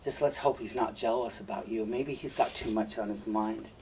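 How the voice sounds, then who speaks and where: A man's voice: fairly low pitch, steady tone, moderate pace, darkish tone. A man teaching, who reads a play aloud and explains it in a casual, conversational way with asides to students. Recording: distant mic, faint room noise.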